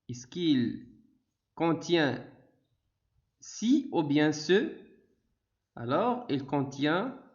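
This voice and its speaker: A male teacher with a Moroccan accent uses a high, bouncing, sing-song voice, drawing out every word very slowly. He leads young children through a phonics lesson, praising them often, in a dull lo-fi recording.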